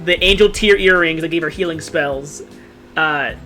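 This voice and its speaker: A man's voice: on the high side, moderate pace, soft background music. A man serving as game master, chatting casually in a Q&A and laughing often. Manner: laughs often, trails off quietly. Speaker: game master answering questions. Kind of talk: casual podcast-style Q&A chat.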